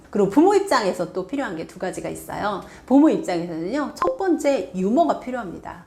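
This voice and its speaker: A woman's voice: medium pitch, vocal fry. Woman teacher talking to parents, voice jumps up and down a lot, acts out little bits of dialogue. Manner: lively, acts out parent and child lines. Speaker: middle school teacher and author. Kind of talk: advice talk to parents.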